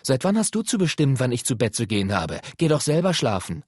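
A man's voice: mid-range voice, lively intonation, measured pace, fairly bright tone, slightly rough, no room sound, clean studio sound, pitched above the performer's own voice. A man reading an audiobook voices a sulky, grumpy younger boy who grumbles and scoffs. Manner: grumbling, scornful.

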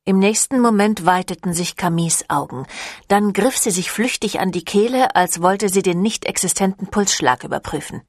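Here a female audiobook narrator delivers scripted narration of a novel at medium pitch, keeping her storytelling steady and measured. The recording is dry and studio-clean.

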